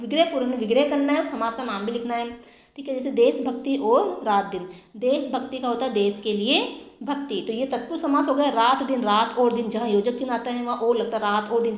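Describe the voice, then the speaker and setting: Woman, teacher, exam grammar lesson, slow careful repeats, echoey room. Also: a little high. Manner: explanatory, repeats answers slowly for students.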